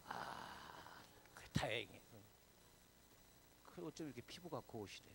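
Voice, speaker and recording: A man preaches in a loose, conversational way, teasing and quizzing the people in front of him. His gravelly voice swings widely in pitch, from hushed whispers to loud bursts. A faint hum of room noise sits under the sermon. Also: very animated, takes it slowly, poor audio. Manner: chatty, teasing, quizzes the congregation; drops to whispers, swells loud for emphasis. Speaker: pastor.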